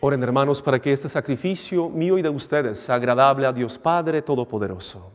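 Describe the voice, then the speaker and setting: Male priest, middle-aged, solemn liturgy, formal measured delivery, long cathedral echo. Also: mid-range voice, soft background music. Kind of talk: solemn liturgical prayer and preaching. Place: indoor chapel, at altar and lectern.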